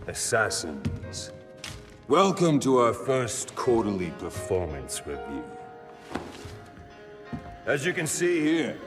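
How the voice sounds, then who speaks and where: A manic clown crime lord from a video game, with a highish voice that lurches wildly up and down. He draws his words out very slowly with theatrical mock politeness, then snaps between hiss and shout, over loud music. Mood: mock-cheerful. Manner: mock-polite, swinging from whispers to shouts, cackling. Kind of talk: video game villain acting.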